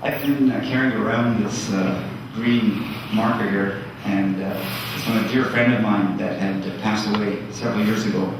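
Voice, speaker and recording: An older man giving a eulogy for his mother, halting with fillers and gently joking. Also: on the low side, steady tone, background noise. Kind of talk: memorial eulogy. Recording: echoey hall from far off.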